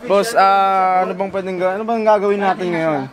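Playful high-voiced Filipino man. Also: steady tone, a little fast, crowd noise. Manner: joking, playful teasing. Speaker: fellow vlogger. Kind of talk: casual banter.

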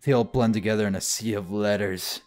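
A man's voice: lowish voice, fairly even intonation, a little fast. A man reading a visual novel aloud in a mock-dramatic way, breaking off into jokes with a friend. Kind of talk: comedic read-through.

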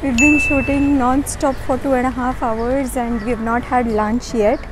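A woman's voice: high-pitched, steady tone, normal speed, background noise. A woman, chatting casually to a phone camera at arm's length in a cafe, upbeat and laughing often. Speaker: vlogger and cafe owner. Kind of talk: casual behind-the-scenes vlog. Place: cafe, indoors and on a leafy outdoor terrace. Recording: phone vlog with music underneath. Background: background music.

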